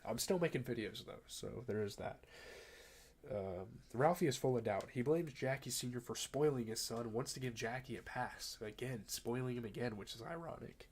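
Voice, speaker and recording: Young male reviewer, slightly sick, casual recap full of fillers, mid-pitched everyday voice. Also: normal speed, a little mellow, breathy edge. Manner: loose and chatty, many fillers, reads plot summary then riffs on it. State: a little sick. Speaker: TV show reviewer.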